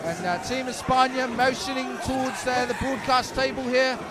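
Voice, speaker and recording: High-voiced male lucha libre wrestling announcer. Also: moderate pace, very noisy. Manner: dramatic showman phrasing, formal addresses to the audience. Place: broadcast table at a wrestling event. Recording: live event with loud crowd.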